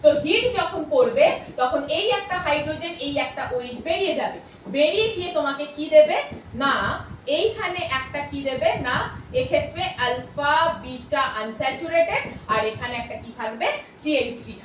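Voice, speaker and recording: High-voiced woman teaching in an echoey room. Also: expressive, recorded from a distance, slight background noise. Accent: Bengali. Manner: quick, questioning, answers her own questions. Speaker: chemistry teacher. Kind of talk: video lecture.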